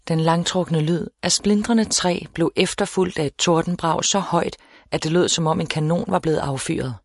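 This is scripted audiobook narration of a novel by a woman whose voice sits on the low side. Her delivery is measured and even, captured in a dry, studio-quality recording.

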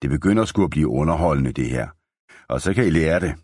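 A man voicing a menacing armed cowboy who speaks low and threatening. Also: expressive, a little mellow, slightly rough, no room sound, full character voice. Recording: dry close studio sound.

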